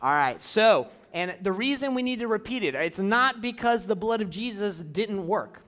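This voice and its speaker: A young man preaching casually to a church audience, drawing out key phrases slowly and running a live object lesson. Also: sits high, expressive, a bit bright. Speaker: youth pastor.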